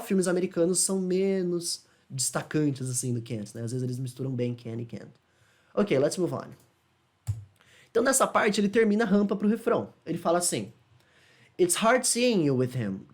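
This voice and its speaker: A man with a Brazilian Portuguese accent runs a friendly English lesson. He speaks in a loose, chatty way, slowing down to demonstrate short English phrases and tossing in quick checking questions. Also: on the high side, darkish tone. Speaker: English teacher. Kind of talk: casual explanatory lesson.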